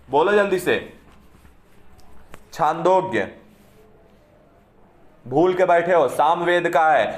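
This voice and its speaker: A man's voice: a little high, reverberant. A man teaching a class in speech, explaining points and often checking whether the students understand. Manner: keeps asking students "समझे?" to check understanding. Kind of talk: classroom lecture.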